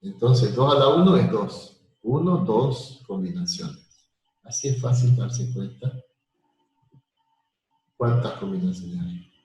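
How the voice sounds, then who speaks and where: A man teaching a live online math lesson, explaining slowly with repetitions and everyday examples. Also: medium pitch, a little mellow. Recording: very echoey room.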